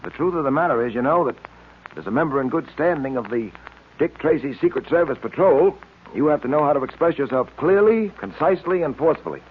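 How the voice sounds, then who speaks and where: Here a man speaks fast with a fairly high pitch and lively intonation, his voice sounding natural. He's acting in a 1940s radio drama as an earnest, upstanding police detective whose delivery is firm, clipped and fatherly, heard through tinny, noisy old radio audio.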